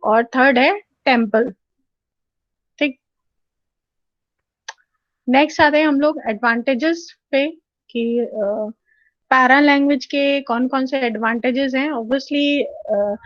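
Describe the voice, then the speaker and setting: Woman lecturer, slightly high voice, dry and dull lo-fi recording. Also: steady tone, slow pace, long pauses, no echo. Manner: explanatory, frequent 'theek hai' check-ins. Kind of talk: recorded lecture over slides.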